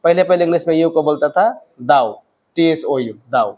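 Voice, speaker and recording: A man teaching English vocabulary, often quizzing his students and reading English phrases out slowly. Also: a little high, darkish tone, highs cut off. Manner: quizzing, repeats questions to students; mixes English phrases into explanations, reads them slowly. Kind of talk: vocabulary lesson.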